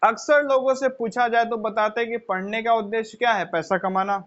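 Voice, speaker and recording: A man with a strikingly high voice lectures students in an earnest, explanatory way. He keeps asking his listeners questions, then supplies the answers himself, and calls them children. The recording sounds muffled and lo-fi. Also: steady tone, brisk, a bit bright. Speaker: teacher. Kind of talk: motivational classroom lecture. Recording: dull lo-fi recording.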